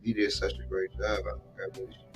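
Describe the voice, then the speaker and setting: A man's voice: low-pitched, monotone, quick pace, soft background music. A man hosting a casual stream, talking loosely with slang and frequent swearing while showing his home grow room.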